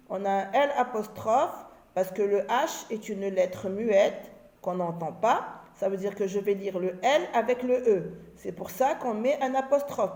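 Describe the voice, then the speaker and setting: A woman teacher giving a phonics lesson, repeating each sound and word slowly and with emphasis. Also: medium pitch, a little mellow. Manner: slow, drawn-out, emphatic repetition of sounds and words. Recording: echoey room.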